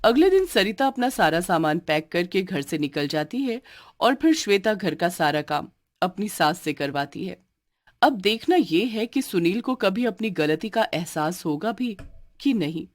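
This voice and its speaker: A woman's voice: mid-range voice, very animated, unhurried. Woman narrating a cartoon story.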